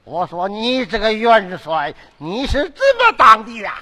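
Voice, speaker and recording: A woman playing a stern, mocking old king father in a traditional local opera, declaiming loudly in a sing-song way with a Henan accent. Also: medium pitch, expressive, a little slow.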